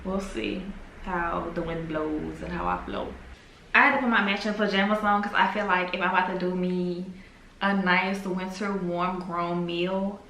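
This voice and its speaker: Woman, 20s, casual vlogger. Low-ish bright voice, unhurried and musing, roomy echo with faint background hum. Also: steady tone. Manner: slow, musing, trails off with fillers. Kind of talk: casual reflective vlog talk. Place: home, in the evening. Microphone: camera. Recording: echoey room with faint ambience.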